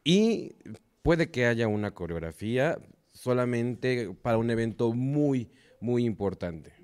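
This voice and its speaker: A man's voice: medium pitch, animated, unhurried, a little mellow, smooth. A man from Mexico with a Mexican accent, speaking as a wrestler answering interview questions in short segments. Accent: Mexican Spanish.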